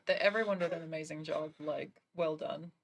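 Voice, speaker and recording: A woman's voice: deep voice, fairly even intonation, brisk, vocal fry, a crowd in the background. A woman hosting a live interview stream, upbeat and laughing often. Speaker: stream host.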